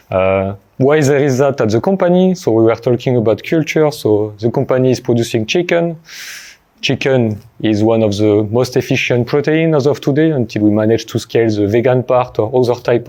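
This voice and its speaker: A middle-aged man with a French accent presents on a conference stage, working in a language that isn't his first. His voice is dark and mellow, and his delivery is hesitant, with many fillers and restarts as he gathers his thoughts. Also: mid-range voice. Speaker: conference speaker. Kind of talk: conference talk.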